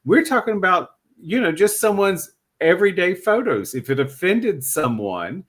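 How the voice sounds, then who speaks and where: A man's voice: high-pitched, big pitch swings, normal speed. A middle-aged or older man interviewing casually, reflective, feeling his way through his phrasing.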